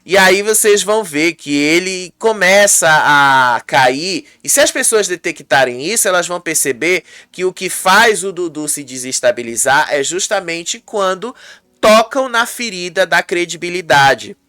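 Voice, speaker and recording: A bright, forward voice with a bit of edge recaps reality show fights in a conversational style. The journalist acts out each quarrel line by line and keeps checking in with the audience. The sound is dry and close, with almost no room around it. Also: mid-range voice, expressive, measured pace, no room sound. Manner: retells dialogue, acting out the quotes; conversational, tags lines with "tá?". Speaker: entertainment journalist.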